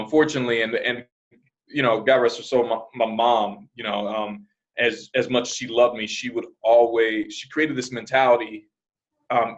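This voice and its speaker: Muffled man with a lowish voice. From born in New Jersey, raised in Arizona. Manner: relaxed, rambling, with many "you know" fillers. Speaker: podcast guest. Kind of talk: casual interview.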